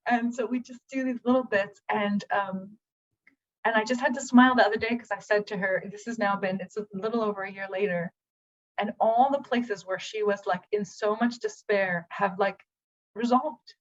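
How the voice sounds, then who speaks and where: A woman's voice: mid-range voice, steady tone, normal speed. A woman acupuncturist and healer giving a chatty personal testimonial, telling a story animatedly with plenty of fillers. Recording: dull lo-fi recording.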